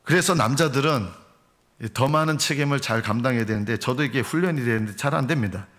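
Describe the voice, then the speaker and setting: A man's voice: medium pitch, quick pace, fairly bright tone. Middle-aged pastor guy preaching in church, jokey, does little husband and wife bits. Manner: humorous, acts out husband and wife dialogue. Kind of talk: sermon. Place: church sanctuary.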